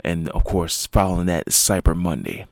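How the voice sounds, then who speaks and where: A man with a low, creaky, somewhat dark voice talks at normal speed with lots of animation, and there's no echo. He's a martial arts instructor hosting his own podcast, rambling casually with many fillers and restarts. He sounds sleepy and yawns as he chats solo.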